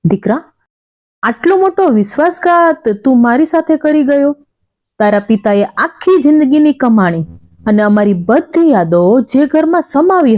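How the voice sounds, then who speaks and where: A woman's voice: high-pitched, a little mellow, pitched above the performer's own voice. A woman narrator voicing a grieving elderly mother who pleads with her son in a trembling voice. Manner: pleading, heartbroken.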